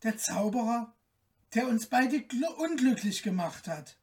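A reader voicing a lonely, sad enchanted owl princess in a storybook tale, speaking softly and slowly. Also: mid-range voice, animated, distant mic. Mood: hushed. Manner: soft and subdued, slow and mournful.

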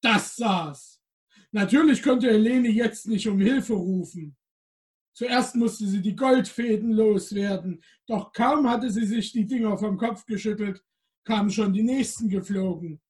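A man appearing as Santa Claus, reading a storybook aloud to children and talking to them directly. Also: high voice. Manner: addresses children directly, slow and gentle.

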